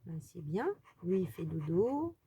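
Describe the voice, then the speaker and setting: A woman with a French accent hosts a casual crafting tutorial. Her voice sits a little low and has a gravelly edge. She chats and thinks aloud as she works, with trailing fillers. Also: sing-song, measured pace, warm tone, slight background noise. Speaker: crafting video host.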